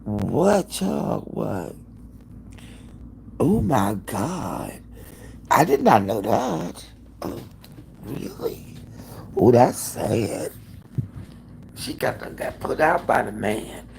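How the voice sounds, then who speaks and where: A man in his fifties hosting a casual livestream from home, gossiping with viewers in an animated, profane way. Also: medium pitch, very slow, creaky, pauses often, a little hiss or hum, rough recording. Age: 50s. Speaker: livestream host. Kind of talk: casual live-stream chat.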